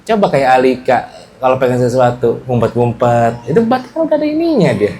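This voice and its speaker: Relaxed man teaching a class. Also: medium pitch, fast talker, slight background noise. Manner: relaxed, explanatory, checks the class often. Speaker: religious teacher. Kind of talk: casual religious study lesson. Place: study session with a small group.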